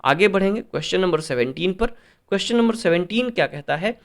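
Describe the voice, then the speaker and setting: Higher-pitched man tutoring an English exam paper. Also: expressive. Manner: reads questions slowly, then explains in Hindi with frequent checks; corrects himself often. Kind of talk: exam paper solution lesson.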